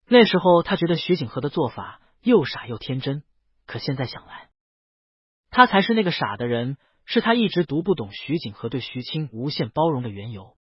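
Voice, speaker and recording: An audiobook narrator reads a scripted story in a slightly high, husky voice with lively, varied intonation, moving a little fast. The recording is close, dry and slightly muffled, with no echo.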